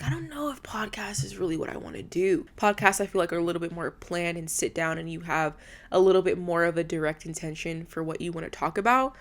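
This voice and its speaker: A woman's voice: lowish voice, a bit bright. A woman in her twenties hosting a solo podcast from an apartment room, talking candidly and heartfelt, swearing freely. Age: 20s. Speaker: podcast host. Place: indoors in a rented apartment room.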